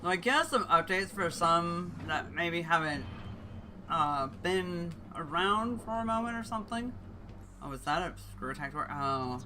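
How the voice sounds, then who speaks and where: Young man, streamer, bright sharp tone, slightly high voice, rambling casual talk. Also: expressive, a little slow, slight background noise. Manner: rambling, chatty, clears throat often. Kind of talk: casual chat while gaming.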